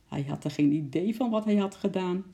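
A narrator reads a children's story aloud at a steady storytelling pace in a gravelly, very dark voice. The voice is mid-range and the delivery fairly quick.

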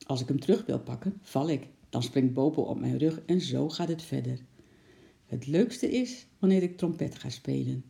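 A storybook reader voicing a sad, kindly male circus clown who talks earnestly, with a gravelly voice. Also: medium pitch, dark tone, close to an everyday voice.

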